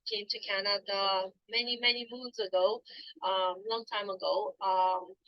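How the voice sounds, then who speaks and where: A woman's voice: mid-range voice, steady tone, a little slow, no echo. A woman, answering interview questions as a guest coach, hesitant with many ums and restarts. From Poland. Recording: dull lo-fi dry sound.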